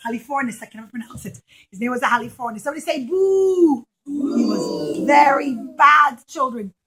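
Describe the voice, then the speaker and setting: A high-voiced woman narrates a puppet-show story for young children, talking to them directly in simple words with dramatic emphasis. Her pace is fairly quick and her tone a bit bright.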